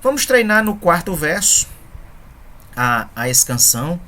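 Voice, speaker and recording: A woman's voice: lowish voice, big pitch swings, measured pace, fairly bright tone. A woman teaching an online lesson on poetic scansion, explaining patiently and counting syllables aloud one by one. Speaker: poetry teacher.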